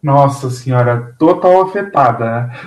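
A man's voice: mid-range voice, animated, unhurried. A Brazilian man gossiping casually about TV series in a campy, slangy way. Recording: roomy, echoey voice pickup.

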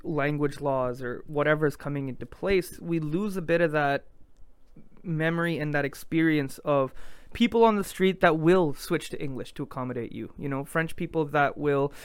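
A man's voice: fairly high pitch, normal speed, clean tone, no room sound. A man hosting a podcast, talking in an earnest, reflective way and often restarting his sentences. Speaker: podcast host. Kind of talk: casual conversation.

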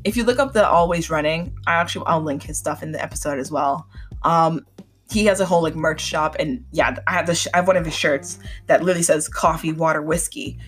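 A woman in her twenties talks through her own podcast, candid and chatty, slipping in "like" and "um" constantly. Her voice sits a little low for a woman and carries a faint sickly edge. Soft music plays faintly underneath. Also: a little fast. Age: 20s. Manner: candid and chatty, many fillers. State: slightly sick. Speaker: podcast host. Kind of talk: casual solo podcast talk.

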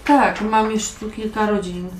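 A woman voicing a young apprentice merchant in a tabletop game, hesitant with many pauses. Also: medium pitch, flat delivery, close to an everyday voice. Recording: echoey room, music behind.

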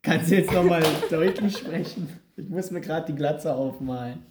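Low-voiced woman talking blunt German street slang. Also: normal speed, background noise. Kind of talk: casual quiz chat between friends. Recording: roomy, echoey indoor sound.

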